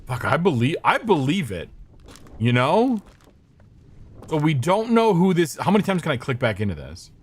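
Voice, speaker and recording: Lively-voiced male game streamer. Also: on the high side, normal speed, pauses often, husky. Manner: thinking aloud, scattered, swearing, greeting chat. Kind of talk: casual gameplay commentary.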